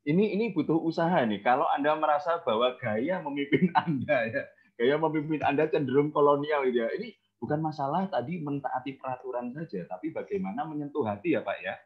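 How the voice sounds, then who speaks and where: A man's voice: on the high side, fairly quick. A man hosting an online talk, chatty and always checking for agreement with his guest. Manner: chatty, keeps seeking agreement with tag questions. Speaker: webinar host and moderator. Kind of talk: online talk-show moderating. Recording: muffled lo-fi audio.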